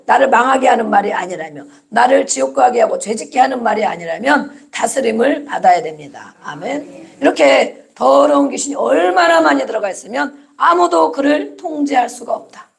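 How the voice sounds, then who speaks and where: A woman's voice: on the high side, vocal fry. A woman pastor preaching a Sunday sermon, emphatic and repetitive, often prompting her listeners with "amen" and rhetorical questions.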